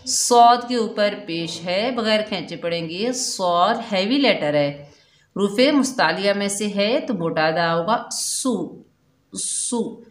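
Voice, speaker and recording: A woman teaching Quran recitation slowly and patiently, drawing out the recited words in a chant. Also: medium pitch, expressive, roomy sound. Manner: slow, patient explaining with drawn-out chanted recitation. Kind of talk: step-by-step recitation lesson.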